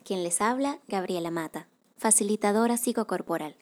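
A woman with a mid-range voice hosts a wellness podcast as a psychocorporal facilitator, reading a scripted monologue in a calm, measured, soft-spoken manner.

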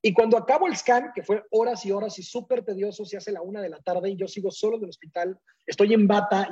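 Man, husky voice, animated storyteller, dull lo-fi recording. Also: high voice. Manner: animated, acts out quoted dialogue. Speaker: guest. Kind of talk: personal storytelling in conversation. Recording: dull lo-fi audio.

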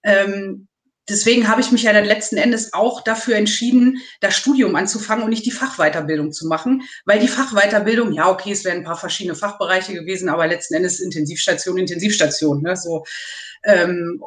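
A woman in her thirties, a nursing student, talking hesitantly and at length in a casual interview over a call. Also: medium pitch. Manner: rambling, hesitant with many pauses. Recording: echoey room.

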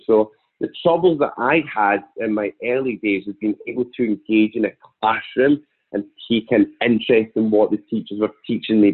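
Scottish guy around 30, broad glaswegian accent, lowish voice, chatting in an interview over a tinny phone-like line. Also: husky. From Glasgow, Scotland. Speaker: podcast guest, entrepreneur. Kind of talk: conversational interview, telling own story. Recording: thin, phone-like remote call audio.

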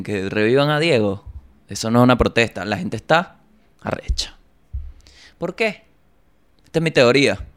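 A young Venezuelan man with a Venezuelan accent, hosting a comedy podcast and telling jokey stories in an animated way. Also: medium pitch, clear, resonant tone. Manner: joking, animated storytelling with voices. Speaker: podcast host. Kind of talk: comedic monologue.

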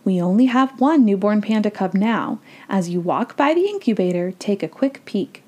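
A woman voicing a brisk female guide in a storybook read-aloud, orderly and instructive. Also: mid-range voice, expressive, darkish tone, close to an everyday voice.

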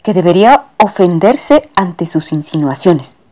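Woman doing a calm young passenger. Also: fairly low pitch, unhurried. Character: calm young man interpreting a cat.

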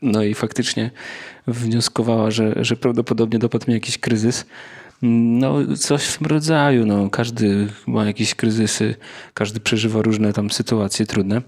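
A man's voice: on the low side, flat delivery, a little slow, darkish tone. A Polish man hosting a podcast informally, reflective and often searching for his words. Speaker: religious podcast host.

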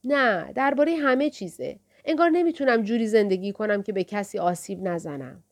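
A woman's voice: mid-range voice, expressive, natural voice. A woman narrator voicing a distressed young woman who speaks in a pleading, insistent way. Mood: upset.

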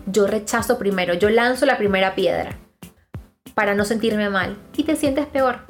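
Emphatic woman hosting a self-help podcast. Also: mid-range voice. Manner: emphatic, repetitive, addresses listeners directly. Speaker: podcast host.

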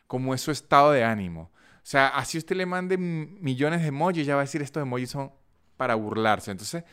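A man with a Venezuelan Andean accent, hosting a podcast in a casual, animated monologue full of acted-out examples. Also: medium pitch, clean tone. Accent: Venezuelan Andean (gocho). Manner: animated, chatty storytelling with acted-out voice notes. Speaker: podcast host.

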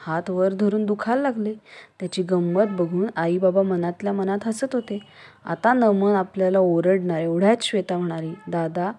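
A woman narrates a children's story in a steady, expressive reading voice. Her tone is mellow and warm, with a mid-range pitch.

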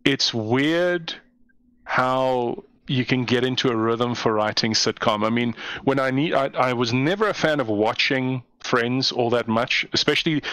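A man's voice: medium pitch, dry recording. A South African man, a comedian guest chatting casually and telling stories with lots of animation and laughter. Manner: animated storyteller, jumps into mock voices, laughs often. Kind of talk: casual chat.

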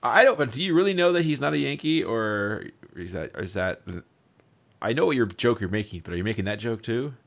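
A man's voice: medium pitch, brisk, vocal fry, slight background noise. A man co-hosting a casual podcast, joking and cursing as he chats about movies. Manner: joking, animated, swears casually. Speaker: podcast co-host. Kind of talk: casual chat. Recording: dull lo-fi audio.

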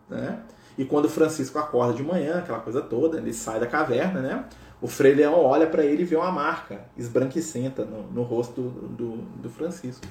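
A man with a medium-pitched, darkish voice tells a spiritual story as a lecture in a reverberant space. His delivery is chatty and conversational, constantly checking in with listeners through tag questions.

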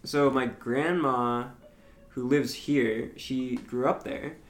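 A man's voice: medium pitch, steady tone, takes it slowly. Rambling young man in an echoey room. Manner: rambling, hesitant, lots of fillers and laughs. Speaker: podcast co-host. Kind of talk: casual chat.

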